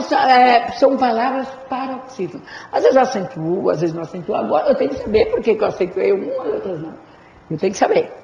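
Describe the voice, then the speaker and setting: A woman teacher giving a grammar lesson, who draws words out slowly to stress their syllables and calls her students "gente" and "amores". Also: on the high side, darkish tone. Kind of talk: classroom lecture for exam prep. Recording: echoey hall, dull lo-fi sound.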